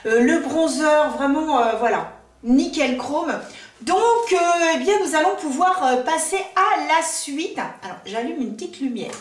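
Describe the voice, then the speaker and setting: A woman with a high, bright speaking voice chats through a makeup review from her home in the countryside. She fills her talk with fillers and self-mocking asides. She sits a little away from the camera mic, so the room echoes around her. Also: far from the mic, slight background noise. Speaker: beauty vlogger. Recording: roomy echo, voice a bit off-mic.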